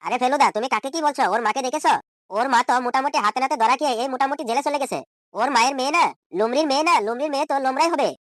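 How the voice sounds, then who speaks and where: In an amateur comedy cartoon, a man voices an exasperated ordinary village man who scolds and indignantly repeats questions, his voice run through a pitch-shift effect. Delivery is rapid-fire and a bit bright, with clean, dry studio sound.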